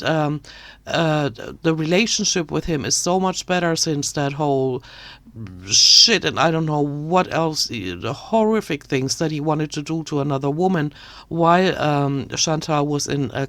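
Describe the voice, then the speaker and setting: A woman's voice: deep voice, dry recording. Lady doing a ranty commentary vid, fed up and indignant, dead dry mic. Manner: indignant, ranting. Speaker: commentary youtuber. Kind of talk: critical commentary.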